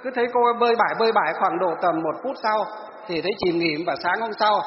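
Brief: man, a teacher lecturing a class, high voice, long hall reverb. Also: quick pace, a little hiss or hum. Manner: asks students rhetorical questions and answers them. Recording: echoey hall, dull lo-fi.

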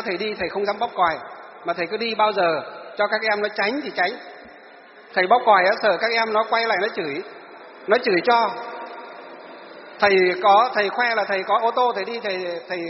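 A male teacher, lecturing students in class and answering his own rhetorical questions. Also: high voice. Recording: echoey hall, dull lo-fi.

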